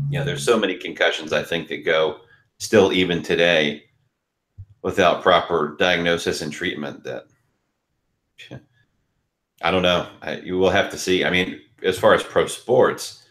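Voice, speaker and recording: A man with a very low voice co-hosting a relaxed podcast. He rambles through his opinions and hedges them with plenty of fillers. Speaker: co-host. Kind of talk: casual podcast chat.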